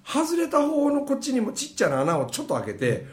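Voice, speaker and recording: A man's voice: extremely high pitch, wildly swooping pitch, a little fast, roomy sound. A middle-aged man with a Kansai accent, telling a funny story in casual chat, laughing as he goes. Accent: Kansai Japanese. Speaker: podcast host.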